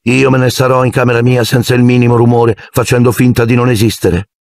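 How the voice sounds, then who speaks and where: Man doing a flat weary young boy. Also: medium pitch, a little fast, vocal fry, no echo, clean studio sound, pitched above the performer's own voice, natural voice. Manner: flat, expressionless. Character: twelve-year-old boy, flat and weary.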